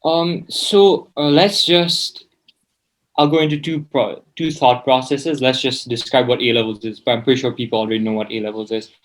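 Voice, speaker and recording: A seventeen-year-old student from Nepal chats casually as an interview guest, his mid-range voice holding a steady tone at a moderate pace. He sounds hesitant and informal, often saying "like." The audio quality is poor.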